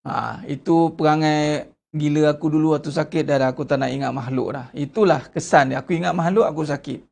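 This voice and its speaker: A man preaching a sermon as a religious teacher, animated and full of rhetorical questions to his congregation. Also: a little high, a little fast, gravelly.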